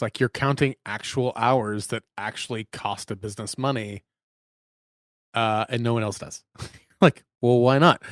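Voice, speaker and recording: A man's voice: mid-range voice, dry recording. A man hosting a business interview, asking questions enthusiastically and with many fillers. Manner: enthusiastic, agreeing, filler-heavy. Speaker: podcast host.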